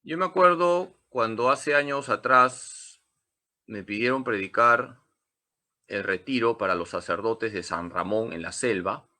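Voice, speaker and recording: A man's voice: on the low side, a little slow, bright, forceful tone. A man, a priest teaching a catechism class, who asks questions and answers them himself with emphatic repetition.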